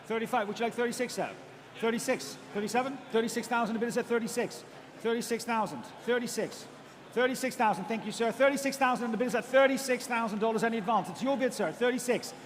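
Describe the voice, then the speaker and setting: A man working as an auctioneer, calling bids in rapid repeated figures and politely prompting bidders. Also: very high-pitched, long reverb tail. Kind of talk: live auctioneer's bid calling. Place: large auction room.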